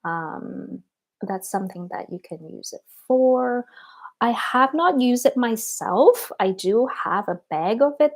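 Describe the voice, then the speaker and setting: Chatty woman answering viewer comments. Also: mid-range voice. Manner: chatty, frequent "like" and "um" fillers, laughs between thoughts. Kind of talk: casual livestream chat.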